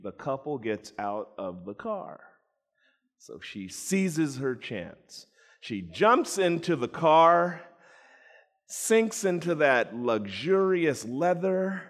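A man preaching a storytelling sermon, animated, acting out voices and addressing listeners by name. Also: fairly high pitch. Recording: long reverb in a large hall.

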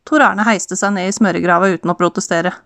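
A woman's voice: fairly low pitch, fairly even intonation, a bit bright, dry recording. Woman steadily reading a novel. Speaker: audiobook reader. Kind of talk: storybook narration.

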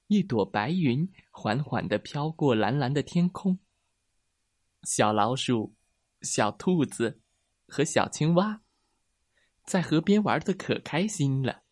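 A man narrating a children's bedtime story in a gentle, sing-song way. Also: medium pitch, big pitch swings, slow, pauses often, no room sound, studio quality.

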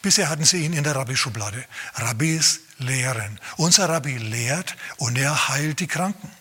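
A male pastor preaching a lively, emphatic sermon, acting out scenes as he goes. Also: mid-range voice, moderate pace, breathy edge.

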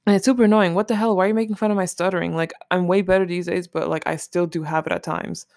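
Talking fast in a mid-range, darkish voice with fairly even intonation, this solo podcast host chats informally about a list and swears now and then. The studio-quality recording has no room sound.

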